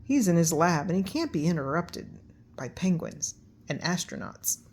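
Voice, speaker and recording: A woman's voice: fairly low pitch, very animated, darkish tone, slight background noise. A woman voicing an officious male owl who guards a haunted house, hooting and challenging in a storybook reading. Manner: hooting, challenging, drawn-out calls.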